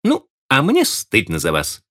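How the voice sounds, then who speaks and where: A sharp-tongued young woman presses her questions in a raised, lively voice that swings widely in pitch, as a male narrator puts her on. She sounds insistent and pointed, the way a storybook reader lifts his own low voice for her. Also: unhurried. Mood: reproachful.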